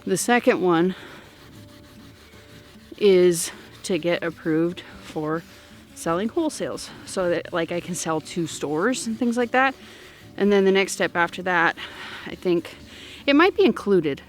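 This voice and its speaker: Young woman, homestead vlogger; casual, scattered delivery, slightly winded, outdoors, low-ish voice, soft music bed. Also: lively intonation, a little slow, pauses often. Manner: rambling, distracted, many fillers. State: slightly out of breath. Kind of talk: casual vlog talk.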